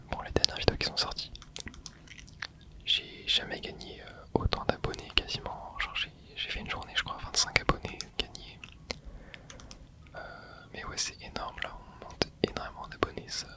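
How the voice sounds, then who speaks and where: Hushed whispering ASMR gamer, quiet at night. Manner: casual and rambling, thinking aloud while playing. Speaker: video creator and streamer. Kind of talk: whispered ASMR gameplay commentary.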